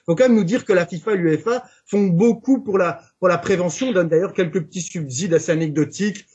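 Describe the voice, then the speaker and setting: A man's voice: high-pitched, fairly quick, a little mellow, breathy edge. A man from Belgium, arguing his point on a football debate show, stumbling over restarts before pressing on. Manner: hesitant restarts, then firm arguing. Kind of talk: debate talk. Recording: dull lo-fi sound.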